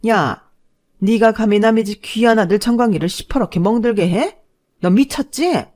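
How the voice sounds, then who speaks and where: A woman voicing a greedy middle-aged mother-in-law who berates her son's fiancée in a shrill, scolding way. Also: sing-song, normal speed, a little mellow, natural voice. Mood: outraged.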